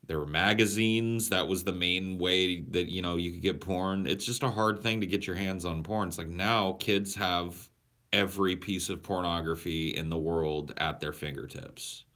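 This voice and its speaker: Carrying a portable camera or phone, a young man runs a casual livestream, rambling crudely and responding aloud to viewer questions. His voice is low and fairly bright, with fairly even intonation and a normal speed.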